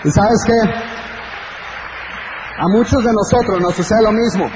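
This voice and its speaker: A man's voice: sits high, a little slow, darkish tone, slight background noise. A man giving a live motivational talk to an audience in a large event hall, emphatic and repetitive, speaking straight to the crowd.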